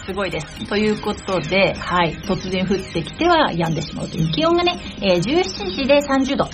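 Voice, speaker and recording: A woman's voice: mid-range voice, expressive, fairly quick. A woman hosting a live radio show from a studio, presenting politely and chattily with frequent small interjections. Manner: polite, chatty, often punctuates with "hai" and "ne". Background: background music.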